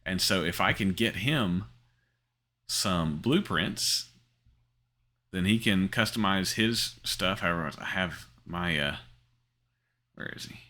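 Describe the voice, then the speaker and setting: He's a middle-aged man hosting a crypto gaming channel, rambling through casual commentary over his screen with frequent ums and restarts. He talks slowly with long pauses, and his low voice is expressive, bright and forceful.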